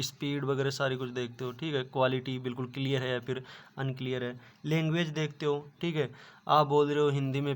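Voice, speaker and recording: A man's voice: medium pitch, smooth. A man teaching an online class, explaining step by step and often repeating filler words. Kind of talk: online lecture.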